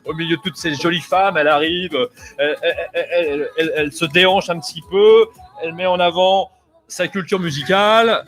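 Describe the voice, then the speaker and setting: Teasing high-voiced man with music behind. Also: fairly even intonation, a little fast, a bit bright. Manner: joking, teasing, laughing, sing-song. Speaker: DJ and live show host. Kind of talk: playful blind test live chat.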